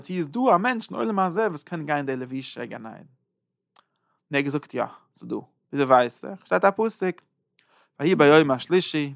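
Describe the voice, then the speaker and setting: Gravelly man teaching in halting bursts. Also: fairly high pitch, no echo, clean studio sound. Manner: halting, repeats words, swings between loud and soft. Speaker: Torah teacher. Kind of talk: Zohar lesson.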